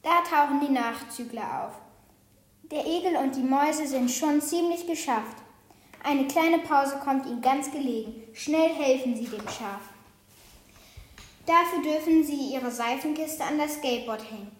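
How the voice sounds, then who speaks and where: A woman reading a children's picture book aloud with lively, expressive storytelling. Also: sits high, measured pace. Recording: roomy echo.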